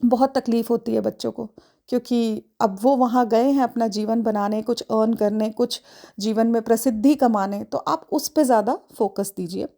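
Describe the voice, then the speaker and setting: A middle-aged woman from India talks through parenting advice in an earnest, reflective podcast monologue, dropping English phrases into her speech. Her voice sits a little high and has a mellow, warm tone. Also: steady tone, moderate pace, vocal fry. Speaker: podcast host.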